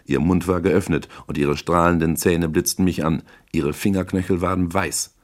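A man's voice: low-pitched, fairly even intonation, moderate pace. A man narrating a hardboiled novel in the first person, in a dry, laconic delivery. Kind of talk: audiobook reading of a hardboiled novel.

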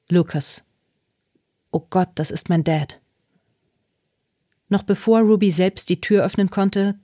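A woman narrating a novel in a calm, measured way. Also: fairly low pitch, no room sound, studio quality. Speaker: audiobook narrator. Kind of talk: scripted narration.

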